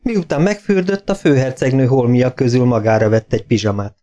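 A man narrating a novel as an audiobook reader, in measured storytelling. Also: mid-range voice, dark tone, dull audio. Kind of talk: scripted narration.

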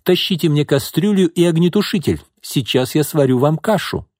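A man voicing a bold, sharp-tongued young woman who teases and orders people around in an audiobook. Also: fairly high pitch, lively intonation, moderate pace, dry recording, studio quality, voice pushed up. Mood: teasing. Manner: teasing, brash, commanding.

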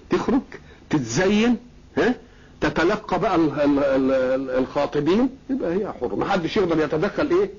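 A man's voice: a little high, a little mellow, slight background noise. A man with an Egyptian Arabic accent giving a Quran commentary lecture, posing questions to his listeners and answering them himself, repeating key words like a teacher. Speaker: religious scholar. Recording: dull lo-fi old recording.

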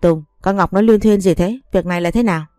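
A woman's voice: on the low side, fast, warm tone, no echo, soft background music, close to an everyday voice. A woman reading the lines of a stern older mother giving orders. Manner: commanding.

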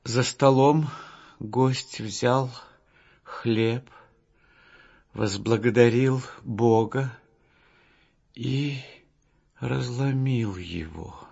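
A man narrating Bible stories for an audiobook in a slow, measured reading. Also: medium pitch, gravelly. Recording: dull lo-fi audiobook with soft music.

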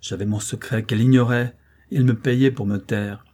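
A man reading the part of a dying man who speaks gruffly and forcefully, louder and higher than his narration. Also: fairly even intonation, brisk, close to an everyday voice. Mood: bitter.

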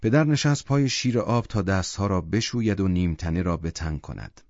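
Man reading a short story aloud, lowish voice, calm, muffled dry audio. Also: no echo. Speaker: audiobook narrator. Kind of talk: literary audiobook narration. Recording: dull lo-fi audiobook recording.

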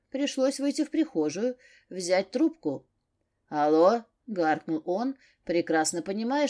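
A woman narrating a novel as an audiobook in an even storytelling manner. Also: mid-range voice. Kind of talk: scripted narration.

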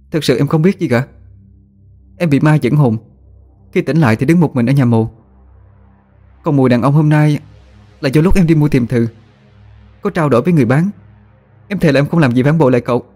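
A man's voice: a little high, brisk, pauses often, warm tone, faint music behind, voice pushed up, lightly acted. A man doing a stammering, tearful young wife. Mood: pleading, tearful. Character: frightened young wife pleading, woman.

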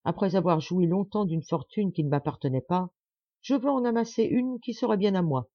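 A woman's voice: on the low side, moderate pace, no room sound, highs cut off, natural voice. A woman reading a proud stubborn older man. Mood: satisfied. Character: proud embittered middle-aged man, stubborn.

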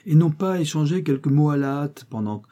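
Man reading as a cranky old rich gent, bossy and impatient, low mellow voice, storybook style. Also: lively intonation, a little fast. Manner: commanding and impatient. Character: old, ailing, irritable wealthy gentleman. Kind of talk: audiobook character reading.

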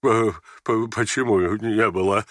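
A man reading aloud, voicing an old retired general who shouts, blusters and stammers. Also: medium pitch, big pitch swings, slow pace, no echo, studio quality. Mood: flustered. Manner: shouting, bellowing, stammering in confusion.

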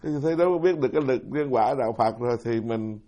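A monk preaching to a live audience in a hall. He is a middle-aged man at a middle pitch, chatty and self-deprecating. He keeps turning to ask his listeners questions. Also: fast, warm tone. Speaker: Buddhist monk giving a dharma talk. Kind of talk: sermon.

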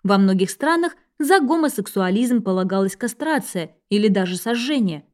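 A woman narrating a scripted history text in an even, measured reading voice. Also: medium pitch.

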